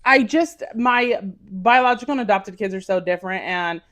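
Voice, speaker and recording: A woman in her thirties telling a personal story in a casual, animated way, laughing often. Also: medium pitch, normal speed. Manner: animated, laughing, acts out quoted voices. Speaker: podcast guest.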